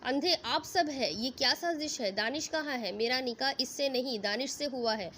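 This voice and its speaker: A woman's voice: high-pitched, fairly bright tone, a little hiss or hum. A woman voicing a panicked young bride who screams and pleads in terror. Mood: frantic.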